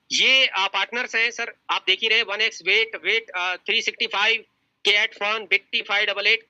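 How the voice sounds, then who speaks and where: A male presenter walks viewers through an investment plan in a persuasive, salesy tone, constantly calling them sir and friends. His voice is cutting and bright, recorded dry and close with a slightly muffled, lo-fi quality. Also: high-pitched, dry recording. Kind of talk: screen-share plan review.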